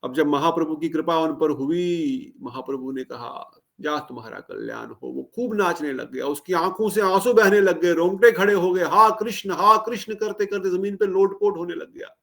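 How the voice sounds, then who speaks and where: A man's voice: a little high, moderate pace, few pauses. A man giving a devotional discourse, retelling a sacred story with acted-out dialogue and questions to the listeners. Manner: animated, acts out dialogue, asks audience questions. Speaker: preacher.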